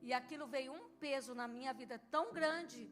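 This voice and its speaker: A middle-aged woman pastor preaches a heartfelt testimony in a church service. Her voice sits high and climbs into loud, emphatic bursts. Music plays clearly beneath her words. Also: fast. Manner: emotional testimony, rising to loud emphatic peaks. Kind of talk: sermon.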